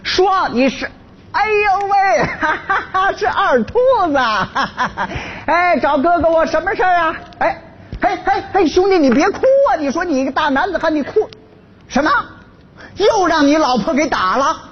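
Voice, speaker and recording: An actor playing a laid-off, henpecked husband in a stage comedy sketch, who brags loudly and then grovels and stammers before his wife. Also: extremely high pitch, animated, unhurried, dull audio, slight background noise. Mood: bragging.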